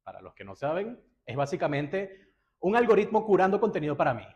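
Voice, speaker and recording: A man's voice: a little high, sing-song, a little fast, a little mellow. A young man giving a conference talk to a live audience, telling it like a story and acting out his own reactions. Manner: casual storytelling with acted-out reactions. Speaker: guest lecturer.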